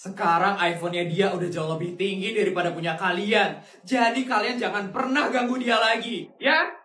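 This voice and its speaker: A woman playing a kind, wealthy middle-aged aunt who speaks softly and consolingly. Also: mid-range voice, fairly even intonation, moderate pace, reverberant, distant mic, close to an everyday voice. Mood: gentle. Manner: soft, gentle, consoling.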